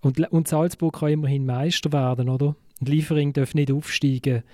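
A man with a Swiss German accent talks casually in a panel discussion. His voice sits slightly high and is mellow, recorded very dry, and he feels his way haltingly through his questions. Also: steady tone, no room sound. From Switzerland, Basel. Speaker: football talk show panellist posing questions.

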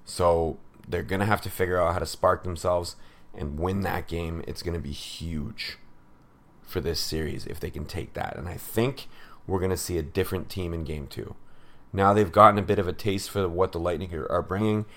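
Opinionated low-voiced man breaking down hockey. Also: fairly even intonation, normal speed, fairly bright tone. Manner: opinionated, sarcastic, with fillers and laughs. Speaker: hockey podcast host. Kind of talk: casual hockey commentary.

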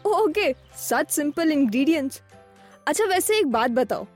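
Curious harried mother , acted by a woman, Indian accent, very high voice, inquisitive Hinglish podcast dialogue, faint music bed. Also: big pitch swings, very fast, darkish tone. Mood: curious, impressed. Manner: exclamatory, inquisitive, Hindi-English code-switching. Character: curious, harried mother seeking lunchbox ideas from a friend. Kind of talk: scripted conversational dialogue.

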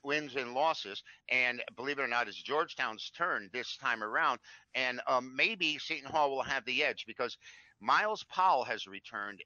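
A chatty man co-hosting a sports betting show, rattling off records and trends in a very bright, forceful voice. The sound is dry and a little dull, like a lo-fi recording. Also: mid-range voice, no echo. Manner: chatty, rambling, stacks up stats.

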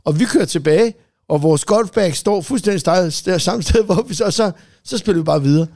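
A man's voice: high voice, a little mellow, no echo, studio quality. A man telling a long story in casual chat, rambling, swearing freely and full of fillers. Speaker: podcast co-host.

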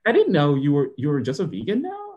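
A man's voice: on the high side, wildly swooping pitch, fast talker, a little mellow, highs cut off. A man talking as a guest on a casual podcast, informal and teasing, explaining his thoughts in long winding sentences. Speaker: podcast guest, young adult show creator.

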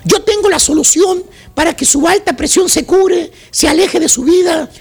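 A man voicing a cynical female mall saleswoman who delivers a slow, syrupy sales pitch in a Mexican accent. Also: vocal fry. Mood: smooth-talking.

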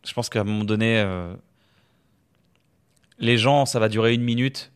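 Relaxed French comedian, easy laugher. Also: male voice, lowish voice, normal speed, smooth. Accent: French (France). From France. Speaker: comedian guest. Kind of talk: casual conversation.

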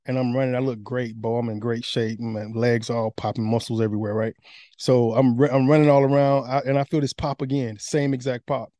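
Man telling a story, mellow voice. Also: mid-range voice, brisk, dry recording. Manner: animated, candid, conversational. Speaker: guest. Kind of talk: casual storytelling.

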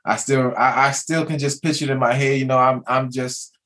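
Young adult man, former athlete guest, halting and full of fillers. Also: medium pitch, flat delivery, fairly bright tone. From Maryland, USA. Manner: halting, many restarts and fillers. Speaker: guest, former basketball player. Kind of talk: casual podcast chat.

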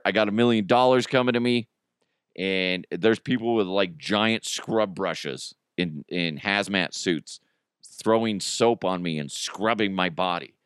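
A middle-aged podcast host delivers a jokey solo monologue packed with crude humor, acting out imagined conversations. His fairly low voice is clear and resonant, captured in studio quality with no echo.

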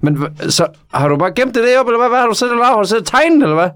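A man playing a gruff, foul-mouthed middle-aged father on early pension, in a comedy sketch. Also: extremely high pitch, lively intonation, a bit bright. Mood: gruff scolding. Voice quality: coarse, swears constantly.

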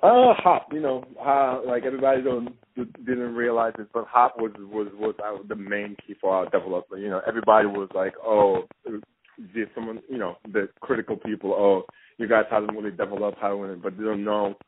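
Give me a man from Senegal on a phone call, low-pitched and hesitant, with light hiss behind him. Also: fairly even intonation. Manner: halting, restarts often. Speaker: guest, former basketball player. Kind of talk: casual phone interview. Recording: tinny phone line with faint hiss.

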